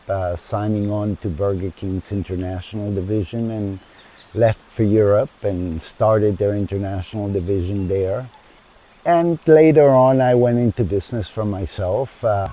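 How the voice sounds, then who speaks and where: A man's voice: deep voice, dark tone, slight background noise, poor audio. A man in his seventies from Chile, the founder of a sustainable community, giving thoughtful interview answers in a garden with frequent hesitations. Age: 70s. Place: outdoors in a garden.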